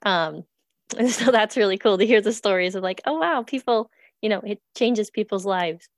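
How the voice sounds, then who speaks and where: A young woman hosting a faith podcast, speaking in a friendly, quick and chatty way. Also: mid-range voice, no room sound, studio quality. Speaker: podcast host. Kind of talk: casual faith podcast interview.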